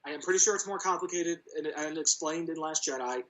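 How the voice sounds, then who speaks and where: A man's voice: on the high side, fast talker, fairly bright tone, low-quality recording. A man co-hosting a podcast in casual chat, rambling with lots of restarts and cursing freely. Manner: rambling, stammering restarts, heavy swearing. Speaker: podcast co-host.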